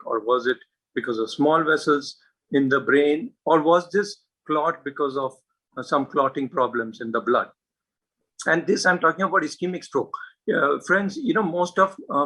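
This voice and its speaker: Bright-voiced man lecturing on medicine. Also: a little high, moderate pace, slightly rough, poor audio. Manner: earnest, hesitant with frequent uh and you know fillers; presses points with emphasis and rhetorical questions. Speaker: neurologist giving a talk.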